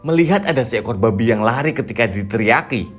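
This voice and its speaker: A man narrating a scripted horror folk tale in a steady, measured manner. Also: medium pitch, faint music behind.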